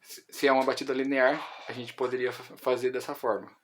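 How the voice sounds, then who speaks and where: A man's voice: mid-range voice, flat delivery, a little fast, fairly bright tone, slight background noise. A man with a Brazilian Portuguese accent, explaining music theory in an online lesson, with many fillers and restarts.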